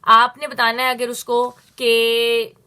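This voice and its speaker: Female language teacher, bright and slightly high, explains patiently and stretches out example phrases. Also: monotone, smooth. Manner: explains step by step with slow, drawn-out Spanish examples. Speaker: Spanish teacher. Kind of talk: spoken language lesson.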